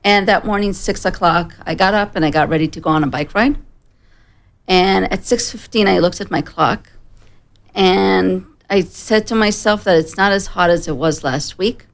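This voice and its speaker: A woman in her forties from Israel, with a slight American accent, sits as an interview guest in a broadcast studio and shares a personal account. Her medium-pitched voice delivers plain, measured sentences.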